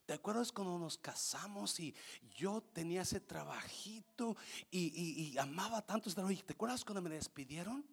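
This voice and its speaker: A frail old man on his deathbed, as a preacher puts him on, gravelly and faint. He murmurs in a hushed, weak voice, sometimes dropping into a whisper. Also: extremely high pitch, big pitch swings, normal speed, hardly any pauses, pitched above the performer's own voice, exaggerated voice. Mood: feeble. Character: dying old husband, feeble then blustering.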